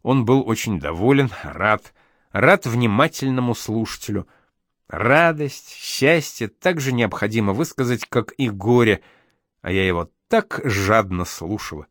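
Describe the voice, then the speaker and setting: A young wife's letter, voiced plainly by a man reader, full of swinging, animated intonation. It sounds dry and close, with no room around it. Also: fairly low pitch, measured pace, dry recording. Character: young woman writing to her husband.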